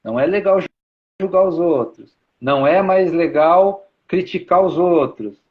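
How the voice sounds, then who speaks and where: A man's voice: fairly high pitch, a little slow. Man giving an informal spiritual talk. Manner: repetitive, explanatory, uses many tag questions. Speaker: spiritual speaker. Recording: dull lo-fi sound.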